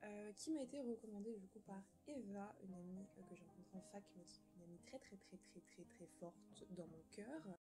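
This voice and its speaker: A woman's voice: medium pitch, brisk, loud music behind the voice, poor audio. A young woman chatting casually about books she plans to read, rambling and joking at herself, with many fillers and restarts. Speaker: book vlogger. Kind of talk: casual chat.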